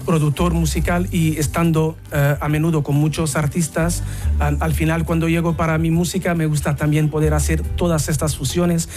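A Portuguese man with a Portuguese accent, a musician guest speaking in a radio interview, often pausing to search for words. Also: fairly high pitch, flat delivery, darkish tone, faint music behind.

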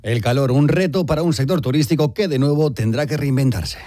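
A male reporter reading a scripted news voice-over in a quick, polished manner. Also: fairly high pitch, background noise.

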